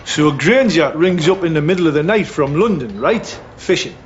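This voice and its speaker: A man's voice: fairly high pitch, expressive, moderate pace, highs cut off, a little hiss or hum, natural voice. A man playing a cocky schemer. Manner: cocky, blustering. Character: brash scheming working-class builder.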